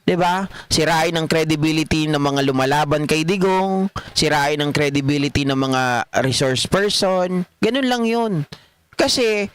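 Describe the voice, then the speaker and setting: Filipino guy doing a live political stream, chatty, laughs a lot, highish voice. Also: unhurried, clean tone, no echo. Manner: chatty, laughs often, addresses viewers. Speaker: political livestream host. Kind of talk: casual live commentary reading chat.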